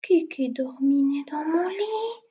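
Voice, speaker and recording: A woman voicing a little bear cub in a storybook reading, whining in a high, tearful voice. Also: expressive, slow pace, mellow, lo-fi sound. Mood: whiny.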